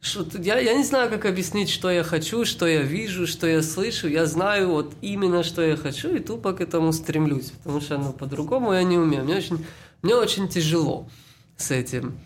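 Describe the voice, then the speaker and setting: A man's voice: on the high side, a little fast, a little hiss or hum. A man in his twenties from Israel, co-hosting a casual podcast, talking bluntly with slang. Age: 20s. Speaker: podcast co-host. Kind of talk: casual chat.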